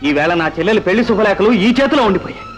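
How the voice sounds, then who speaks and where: An actor playing a principled young man in a 1960s film, soft-spoken and restrained. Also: high voice, expressive, very fast. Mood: indignant. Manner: subdued and soft-spoken, flaring into indignant outbursts. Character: upright young man, quiet but fiercely principled. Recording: old film soundtrack with faint music.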